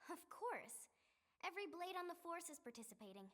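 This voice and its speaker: A woman voicing an eager young teenage girl in a video game, with a bright, chirpy, earnest delivery. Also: very high-pitched, big pitch swings, a little fast, exaggerated voice. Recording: long reverb on game audio.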